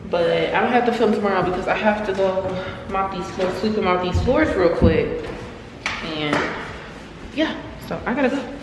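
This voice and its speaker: A woman's voice: medium pitch, animated, normal speed, background noise. Woman vlogging with big hall echo. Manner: chatty, informal, talks to viewers as "y'all". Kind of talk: casual apartment tour. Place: empty unfurnished apartment, indoors. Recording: echoey empty room with faint music.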